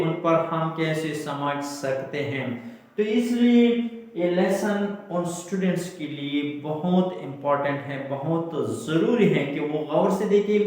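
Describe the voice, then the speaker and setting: A male English teacher giving a classroom-style grammar lesson, repeating and stretching out words to stress their syllables while he writes on a board. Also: a little high. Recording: very echoey room.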